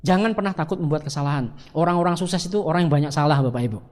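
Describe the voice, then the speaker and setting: A man's voice: fairly high pitch, racing, a little mellow. A man teaching a training lesson, addressing his audience directly and acting out sample phone calls in a lifted voice. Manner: acts out quoted phone calls in a raised voice. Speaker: network marketing trainer. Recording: long hall reverb.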